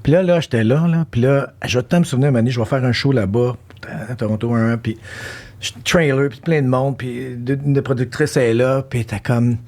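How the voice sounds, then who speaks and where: A man's voice: mid-range voice, a little fast. A man with a Québécois French accent hosting a casual talk, telling stories in a slangy way and acting out the quotes. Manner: animated storyteller, slangy, acts out quotes. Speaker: podcast host. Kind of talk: casual conversation.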